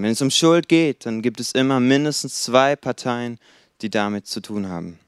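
A man preaching a sermon, lively and acting out the people he describes in short quoted bits. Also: medium pitch, smooth, dry recording, studio quality. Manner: lively, acts out quoted voices.

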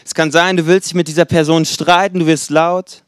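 Smooth-voiced male preacher, dry sound. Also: a little high, a little fast, dry recording. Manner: lively, acts out quoted voices. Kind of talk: sermon.

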